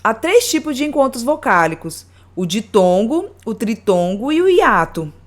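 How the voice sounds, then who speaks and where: Woman teaching grammar slowly. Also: fairly high pitch, sing-song. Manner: slow and deliberate, spelling out examples word by word. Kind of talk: grammar lesson.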